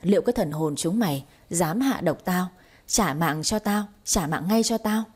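A woman voicing the vengeful ghost of an old man, speaking in a booming deep menacing voice. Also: animated, moderate pace, breathy edge.

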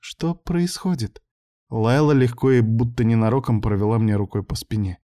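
A man reading a first-person audiobook with steady, even storytelling. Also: lowish voice, a little fast. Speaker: audiobook narrator.

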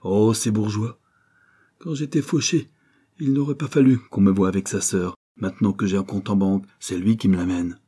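A man's voice: on the low side, moderate pace, warm tone, breathy edge. A man reading an audiobook, voicing a disillusioned young former sailor in a weary, earnest way. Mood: bitter.

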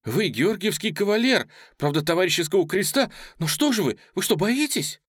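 Man putting on a breathless indignant young woman, high, loud, dry room. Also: very animated, normal speed, slightly rough, dry recording, full character voice. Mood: accusing. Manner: breathless, shrill accusation.

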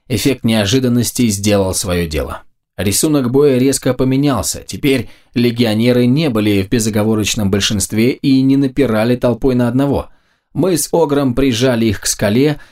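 A man narrating a fantasy audiobook in the first person, in a steady, measured storytelling manner. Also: mid-range voice.

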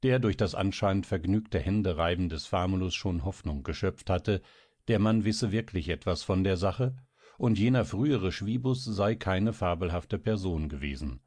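A man reading a classic novel aloud as narrator, in a measured, even storytelling manner. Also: sits low, no room sound, studio quality.

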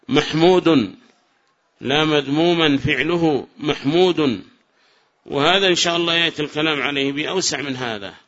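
A man from Yemen teaching a class, his voice bright and forceful and pitched somewhat high. He repeats each key phrase, stretches his example sentences out slowly and fires short questions at his students. The recording is dull and lo-fi. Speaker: teacher of Arabic grammar. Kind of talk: classroom grammar lesson.

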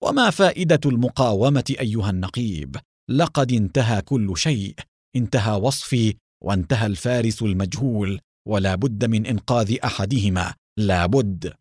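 A man voicing an anguished wealthy man with a split personality, pleading and shouting defiantly in a radio-style story reading. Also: lowish voice, expressive, moderate pace, no echo, studio quality. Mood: bitter.

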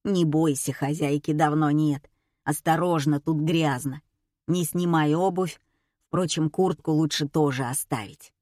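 A woman voicing a brisk male investigator who gives orders and lays out facts, in an audiobook. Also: deep voice, fairly even intonation, darkish tone, dry recording, studio quality. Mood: matter-of-fact. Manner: commanding, matter-of-fact. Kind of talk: audiobook character voice.

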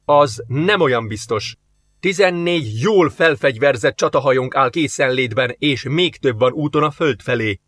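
A man's voice: medium pitch, lively intonation, a bit bright, no echo, clean studio sound. Man voicing a blunt human envoy, firm, demanding, audiobook.

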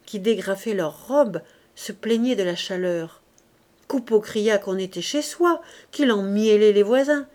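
A woman narrating a classic novel in a measured, expressive way. Her voice sits at a middle pitch. It sounds like an audiobook reading. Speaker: audiobook reader.

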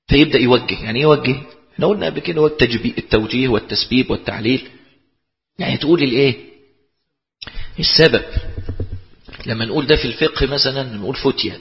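This man's voice is medium-pitched and gravelly, with an Egyptian Arabic accent, as he teaches a class about a text. Explaining as he goes, he poses questions only to answer them himself, recorded lo-fi in a reverberant hall.

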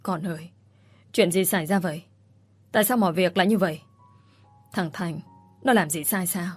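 A woman's voice: lowish voice, moderate pace, husky, no echo, faint music behind. Woman reading as a worried old mother. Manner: pleading, anxious.

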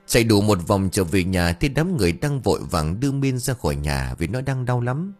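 A man narrating a ghost story audiobook with lively storytelling, voicing all the characters himself. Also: on the low side, fairly quick, soft background music. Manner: animated storytelling, voices every character himself.

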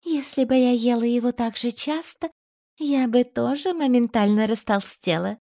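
A woman voicing a fretful female cat in an audiobook, with a high, lively, pleading delivery. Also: normal speed, no echo, studio quality, lightly acted. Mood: teasing.

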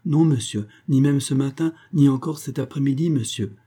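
A man's voice: medium pitch, moderate pace, dark tone, husky, pitched above the performer's own voice, natural voice. A man reading aloud who voices a timid, flustered young female servant, stammering and deferential. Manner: stammering, repeats "monsieur" anxiously.

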